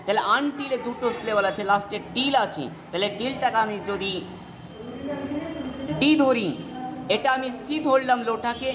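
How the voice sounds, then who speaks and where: A woman teaches a poetry lesson, her voice sitting a little high. She keeps asking her students whether they have understood. The recording has a long hall reverb, and steady background noise stays clearly audible. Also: moderate pace. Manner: checks in with rhetorical questions. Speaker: English literature teacher. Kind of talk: explaining a poem in a lesson.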